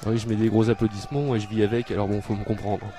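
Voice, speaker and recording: A man's voice: fairly low pitch, flat delivery, rapid-fire, heavy background noise. A man hosting a comic talk show with playful, mock-teasing banter. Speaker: radio show host. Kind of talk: comic radio banter and sung insult song.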